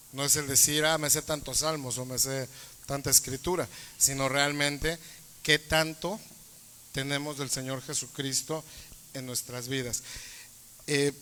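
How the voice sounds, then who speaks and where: A man's voice: a little high, bright, forceful tone, in a large hall. A man moderating a church panel discussion, conversational and often ending points with tag questions.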